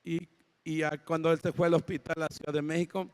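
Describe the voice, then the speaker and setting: A man with a Mexican accent preaching a sermon, telling dramatic stories and rising to shouted exhortation. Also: on the high side, level tone, fast, clear, resonant tone. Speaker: pastor. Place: church auditorium. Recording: long church-hall reverb.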